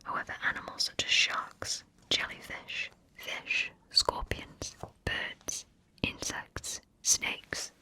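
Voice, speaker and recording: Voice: takes it slowly, bright, forceful tone, rough recording. An ASMR narrator whispering scripted facts right up close to the listener's ear throughout. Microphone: close ear-to-ear stereo microphone.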